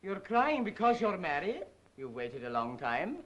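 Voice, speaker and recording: An actor with a Russian accent playing a flamboyant young exiled Russian prince who theatrically calls everyone darling, in 1930s film style. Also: male voice, high-pitched, sing-song, measured pace, a bit bright, dull audio, exaggerated voice. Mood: coaxing. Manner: theatrical, coos "darling" constantly.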